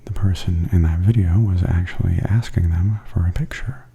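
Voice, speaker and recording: Strolling through a theme park and into its attractions, this man narrates a soft ASMR walking tour, breathy and frequently close to a whisper as he calmly notes what he sees. He speaks low at a moderate pace; the audio is dull, with constant ambient noise behind him.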